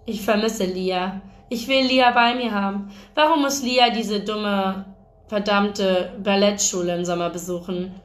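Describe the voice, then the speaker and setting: A woman's voice: mid-range voice, fairly even intonation, measured pace, echoey room, natural voice. A woman reading a tender young boyfriend. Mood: sulky. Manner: tender, sometimes sulky. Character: affectionate teenage boyfriend, young man.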